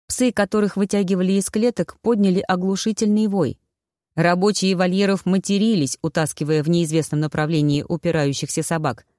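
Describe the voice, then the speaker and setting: Steady audiobook narrator, dry sound. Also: mid-range voice, fairly quick, no room sound. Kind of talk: scripted narration.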